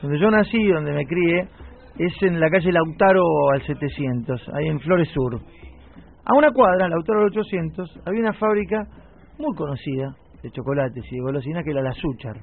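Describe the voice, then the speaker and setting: A man's voice: fairly high pitch, lively intonation, brisk, husky. Argentine man chatting on the radio. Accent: Rioplatense Spanish. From Buenos Aires, Argentina. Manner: conversational storyteller, reminiscing. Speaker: radio host. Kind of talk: casual radio chat. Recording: tinny radio broadcast.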